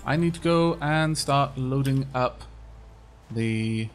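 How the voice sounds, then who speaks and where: A young streamer with a Welsh accent chats loosely during co-op gameplay with a friend, filling his rambling talk with fillers. His medium-pitched voice moves slowly, with faint music in the background.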